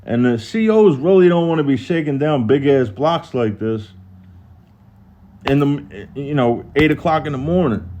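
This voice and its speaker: Profane, animated Philadelphia man telling stories. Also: lo-fi sound. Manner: animated, profane, acts out other people's lines in a higher voice. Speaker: host telling prison stories on a live stream. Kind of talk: casual storytelling, live stream.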